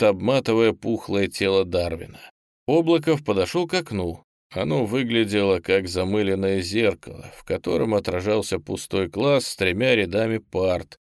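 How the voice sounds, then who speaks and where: A man narrating an audiobook in a steady, even storytelling voice. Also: on the low side, gravelly, dry recording, studio quality. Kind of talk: scripted narration.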